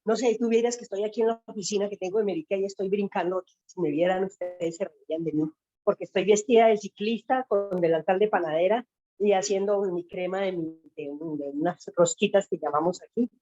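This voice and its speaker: A woman talking excitedly and emotionally about her faith on a video call from her office. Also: mid-range voice, a little fast, dry recording, lo-fi sound. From Colombia. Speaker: caller sharing testimony. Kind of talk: emotional personal testimony. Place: home office.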